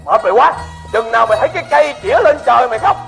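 An actor playing a bossy, excitable rich old master of the house in a stage comedy sketch. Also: male voice, very high voice, rapid-fire, gravelly, faint music behind, full character voice.

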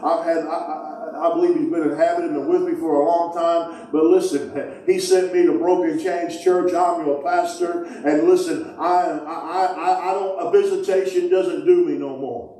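A middle-aged man preaching as pastor, calling out to his congregation and shouting with fervor. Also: sits high, steady tone, normal speed, hardly any pauses, far from the mic. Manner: fervent preaching, calls out to the congregation, shouts "woo". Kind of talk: sermon. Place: church sanctuary, indoors. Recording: echoey church hall from afar. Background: congregation responding.

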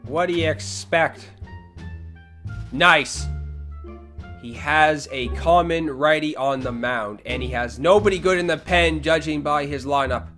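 A man's voice: a little high, measured pace, sharp tone, faint music behind. A young man giving casual gameplay commentary as a video host, reacting aloud to plays and complaining in exasperation. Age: young adult.

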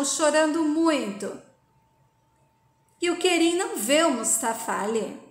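High-voiced woman, dramatic recap. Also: roomy sound. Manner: dramatic, emotional storytelling. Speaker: TV recap narrator. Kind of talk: retelling a soap opera plot.

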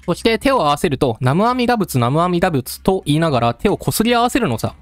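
A man's voice: a little high, big pitch swings, fast, no echo. Man voicing a mournful old ghost woman. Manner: humble old-fashioned speech, sorrowful pleading. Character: pitiful old female ghost, wheedling and mournful.

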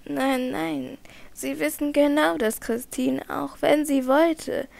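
A woman voicing a naive, devout elderly lady in an audiobook, speaking slowly and gently insistent, sometimes hushed. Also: high voice, steady tone, creaky, dry recording, heavily acted. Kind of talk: audiobook character reading.

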